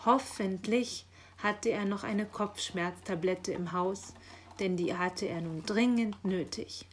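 A woman narrating a children's audio story, calm and unhurried. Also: mid-range voice, slight background noise.

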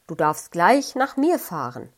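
A woman voicing a gruff, grumbling male gnome who is friendly underneath. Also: fairly low pitch, sing-song, measured pace, voice pushed down. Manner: gruff, growling.

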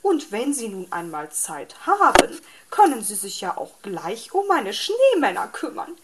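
A woman voicing a bossy, chattering female magpie in a storybook reading, pushy and high-voiced. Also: wildly swooping pitch, a little slow, very noisy.

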